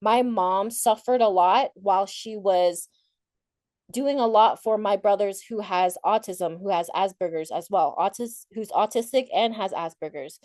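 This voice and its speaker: At a measured pace, a woman with a mid-range, darkish voice gives an informal, candid motivational talk about herself as a conference speaker sharing her personal story. She comes from Thailand, speaks Thai as her first language, and later moved to the United States; her style is reflective and conversational, often rephrasing. The clean studio sound carries no room sound.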